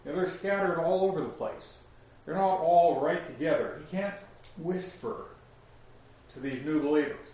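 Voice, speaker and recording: A man teaching a Bible study, explaining verses slowly and asking his class questions. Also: fairly high pitch, darkish tone. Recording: echoey room, distant lo-fi mic.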